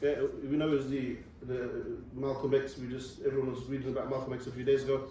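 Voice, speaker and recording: Talking fast in a mellow, mid-range voice with little pitch movement, a young visiting Islamic speaker delivers a religious lecture to students. He explains step by step, often saying "okay," in a very echoey university lecture room captured by a distant mic with a little hiss or hum.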